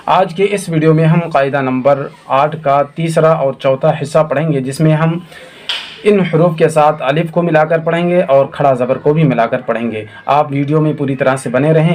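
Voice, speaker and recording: A man teaching Quran reading in a recorded lesson, spelling out letters and vowel marks slowly, with quicker explanations in between. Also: mid-range voice, darkish tone, a little hiss or hum. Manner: slow, drawn-out recitation of syllables, then quick asides.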